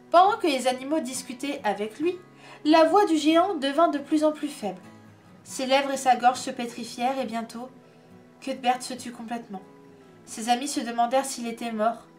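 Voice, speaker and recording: A woman reads a storybook aloud, expressive and measured. Her voice is high, with soft music playing faintly behind her. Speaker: reader.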